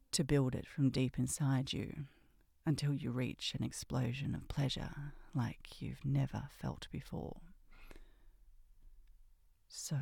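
A woman doing a sultry, seductive whispered role-play, breathy and often dropping into a whisper, with a teasing, commanding way of talking. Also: a bass voice, warm tone, no echo, clean studio sound.

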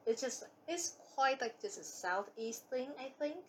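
Speaking in a high, expressive voice at an unhurried pace, a young streamer whose first language isn't English reads viewer comments and chats casually. She giggles often, rambles, and restarts to correct herself, with a little hiss or hum in the audio.

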